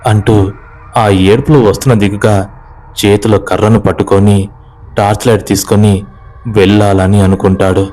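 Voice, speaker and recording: Male narrator; lower pitch, brisk and dramatic horror telling. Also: little pitch movement, dark tone, soft background music. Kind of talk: horror storytelling.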